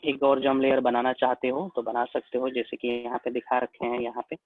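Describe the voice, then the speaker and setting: An Indian-accented biology teacher delivers a classroom lecture at a whiteboard, slow and repetitive, explaining step by step and checking in over and over with "है ना?". His medium-pitched voice is completely flat, and the recording is tinny, phone-like and dry, without echo.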